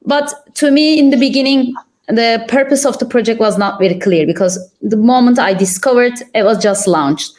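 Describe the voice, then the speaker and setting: Young adult woman from Turkey, interview guest; unhurried, reflective answers broken by fillers. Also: on the high side, darkish tone. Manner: thoughtful, pauses with frequent fillers. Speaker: podcast guest.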